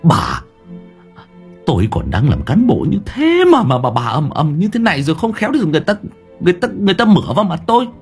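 A man's voice: fairly high pitch, huge pitch swings, quick pace, darkish tone, breathy edge, soft background music, full character voice. A man voicing a flustered older husband who works as a village official, reading an audio story. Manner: flustered, grumbling.

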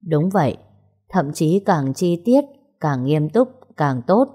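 A woman's voice: low-pitched, very animated, takes it slowly, warm tone, breathy edge, exaggerated voice. A woman reading a story aloud, voicing a scheming older male police chief who gives orders smugly. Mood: smug command. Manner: commanding, self-satisfied.

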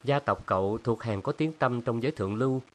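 A man voicing an assured older art collector in a storybook reading, speaking smoothly and without hurry. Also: medium pitch, a little fast, lightly acted.

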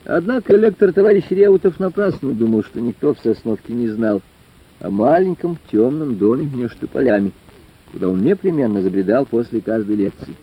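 A man narrating a story in an expressive, ironic storytelling manner, on a dull lo-fi recording. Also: medium pitch, brisk, breathy edge. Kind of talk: audiobook narration.

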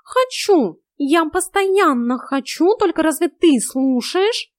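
A woman's voice: sits high, animated, normal speed, no echo, voice pushed up. A woman voicing a grumpy, rude male house cat who scolds and carries on theatrically in a storybook. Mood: scornful.

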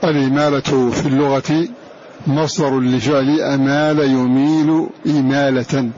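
A man teaching a lesson on Quran recitation in a deliberate lecture style, repeating each term for his students. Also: mid-range voice, little pitch movement, a little mellow. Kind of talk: classroom lecture. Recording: dull lo-fi recording with faint hiss.

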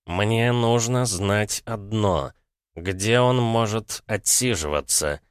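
A man's voice: low-pitched, normal speed, fairly bright tone, dry recording, clean studio sound. A man reading a harsh, mocking interrogator captain. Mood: deliberate. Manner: blunt, mocking, pressing.

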